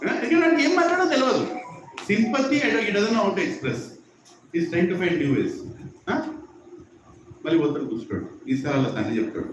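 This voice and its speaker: A man giving a satsang talk, telling a joking story as an animated storyteller. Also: high voice, normal speed, long pauses, distant mic. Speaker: satsang speaker. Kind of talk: storytelling sermon, Telugu mixed with English. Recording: echoey hall from afar, dull, noisy.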